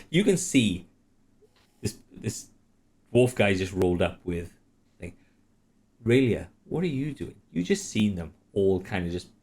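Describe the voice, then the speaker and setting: A man's voice: low voice, a little mellow. A man running a tabletop game as game master, joking and swearing casually as he narrates. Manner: swears casually, jokey banter.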